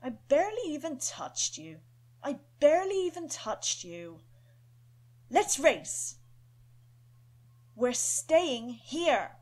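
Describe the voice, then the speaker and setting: A woman's voice: sits high, sing-song, slow pace, long pauses, a little mellow, pitched above the performer's own voice, exaggerated voice. A woman voicing a stern, serious, courageous young male wolf pup.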